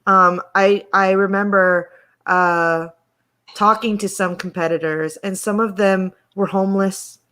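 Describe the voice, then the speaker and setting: A woman's voice: medium pitch, fairly even intonation, unhurried, fairly bright tone, clear, resonant tone. A woman hosting a casual chat over a video call, speaking in an encouraging, emphatic way and often tagging her points with a question. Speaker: host.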